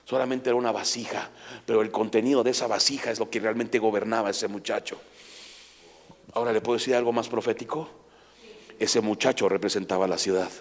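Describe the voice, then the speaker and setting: A man's voice: on the low side, fairly even intonation, brisk. A man with a Mexican Spanish accent preaching a sermon as pastor, impassioned and full of rhetorical questions. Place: church sanctuary. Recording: long church hall reverb.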